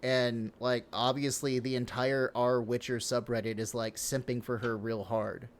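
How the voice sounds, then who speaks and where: A man's voice: medium pitch, flat delivery, measured pace, slight background noise. Rambling, swearing young man on a podcast. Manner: rambling, swears casually, lots of fillers. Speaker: podcast co-host. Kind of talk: casual podcast chat.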